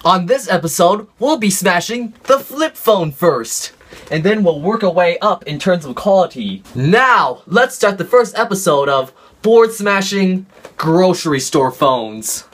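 Outdoors in a dirt yard, a young adult YouTube host runs a comedic product-test vlog, recorded on a camera mic. Playful and jokey, he counts down the drop tests. His voice is high-pitched, fairly bright and very animated, though unhurried.

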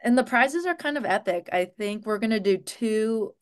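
A woman's voice: fairly high pitch, expressive, moderate pace. A woman co-hosting a livestream, speaking casually to her community. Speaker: livestream co-host.

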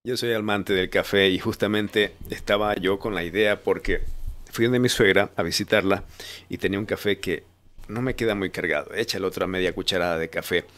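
A man's voice: sits low, steady tone, fairly quick, fairly bright tone. A young man hosting a casual video call chat, telling stories in a chatty, rambling way from a home studio with a stand mic. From Ecuador, Manabí. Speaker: host.

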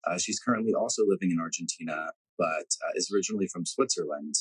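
A man's voice: low-pitched, quick pace, breathy edge, no echo, rough recording. A man in his thirties hosting a video podcast from his backyard, speaking earnestly and thanking his guest. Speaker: host. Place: backyard garden outdoors.

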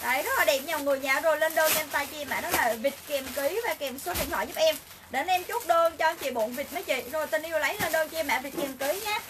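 A woman hosting a live stream sale, briskly and repetitively calling for orders. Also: sits high, background noise. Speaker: livestream seller. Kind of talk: fast sales pitch on a live stream.

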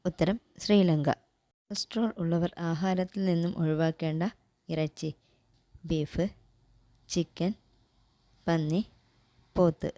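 A woman reading general-knowledge quiz questions and their answer options in a measured, list-like way. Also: on the low side, steady tone, dark tone, dry recording. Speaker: quiz presenter.

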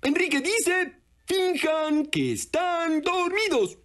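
Enrique, a woman voicing a high bouncy puppet boy. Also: lively intonation, slow pace, fairly bright tone, full character voice. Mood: playful. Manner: bouncy, coaxing, talks to viewers. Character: cheerful playful puppet boy leading games. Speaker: dubbed puppet character. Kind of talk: children's TV dub.

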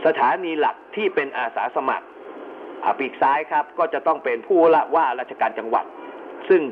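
A man giving an explanatory lecture as an instructor, going step by step with informal asides. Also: mid-range voice. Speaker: instructor in amateur radio emergency communications. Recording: narrow phone-like band with clear background noise.

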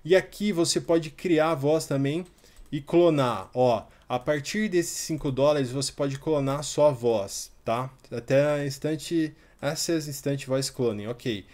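A man, hosting a casual software tutorial and talking while he clicks through a website, with frequent fillers. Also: a little high, slow pace. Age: 30s. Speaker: tutorial host.

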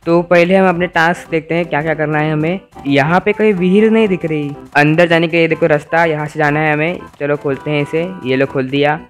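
Young guy doing lets play commentary, playful and teasing, slightly high voice, faint music behind. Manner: playful, teasing, talks to game characters. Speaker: gaming YouTuber.

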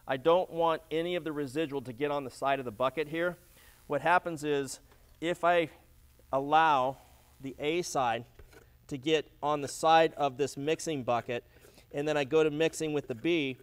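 Middle-aged man, slightly high voice, practical instructional demo, fillers and restarts, lapel mic in warehouse. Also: normal speed, clean tone. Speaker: flooring demonstrator. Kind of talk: instructional demonstration. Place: large warehouse floor, indoors.

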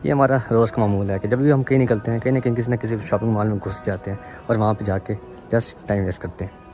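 A lowish, darkish voice with fairly even intonation and a quick pace belongs to this Pakistani-accented university student in his twenties. Vlogging casually to a phone at arm's length, he explains things and mixes in English across outdoor city streets and shop interiors. Music plays over the phone vlog.

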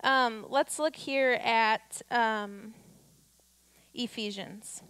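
A woman's voice: a little high, extremely slow, fairly bright tone, clear, resonant tone, no room sound. A woman in her thirties preaching a sermon on a church stage into a handheld mic, urging her listeners with rhetorical questions. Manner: exhortative, rhetorical questions, acts out quotes.

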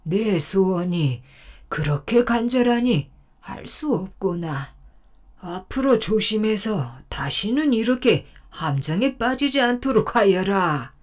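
A woman voicing a kind, gentle old grandfather who talks in a slow, drawn-out way. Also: mid-range voice, animated.

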